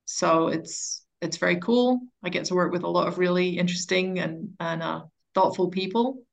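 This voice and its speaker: A middle-aged woman, an education coach appearing as an interview guest, explains her work conversationally. Her voice is lowish and gravelly, and she speaks at a moderate pace.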